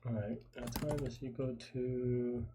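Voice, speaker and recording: As host of a live puzzle-solving session, this programmer mumbles hesitant, broken thoughts casually while typing. His medium-pitched voice stays fairly even in intonation and runs a little slow. You can hear faint noise and the clicks of a keyboard.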